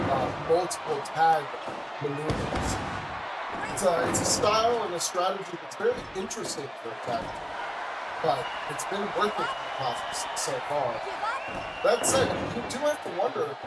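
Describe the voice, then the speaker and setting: A man doing play-by-play wrestling commentary as an excitable wrestling commentator who calls out the moves. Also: high-pitched. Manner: excitable, calling moves with shouted exclamations. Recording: loud background noise behind voice.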